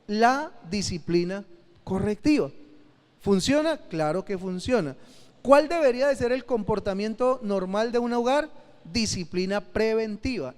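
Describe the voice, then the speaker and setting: A male pastor with a fairly high voice gives a teaching sermon, emphatic and direct, driving points home by repeating them. His voice rings out with a long hall reverb behind it. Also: darkish tone, clean tone. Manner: emphatic, repeats key phrases, addresses listeners directly. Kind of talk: teaching sermon at a church conference.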